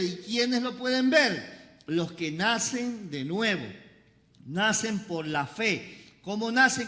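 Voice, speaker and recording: A pastor preaching a sermon, having the congregation repeat lines after him, with playful joking asides. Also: male voice, high-pitched, bright, forceful tone. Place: church service. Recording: reverberant church hall.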